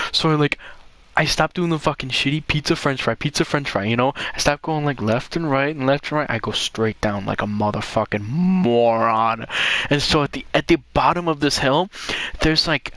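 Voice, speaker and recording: A young man hosting a podcast, telling a story in casual chat with lots of swearing and shouted reenactments. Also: mid-range voice, no room sound. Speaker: podcast host.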